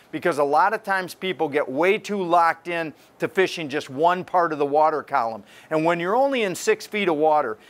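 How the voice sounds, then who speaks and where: An older man delivers a fishing report in a lively, conversational way. His voice sits a bit high for a man. He talks straight to the camera from inside a tackle store. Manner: energetic, gestures while talking to camera.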